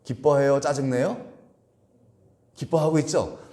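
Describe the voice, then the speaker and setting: A man's voice: medium pitch, steady tone, measured pace, warm tone. A male pastor preaching a sermon, asking the congregation questions and acting out quoted complaints in a raised voice. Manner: asks the congregation frequent questions.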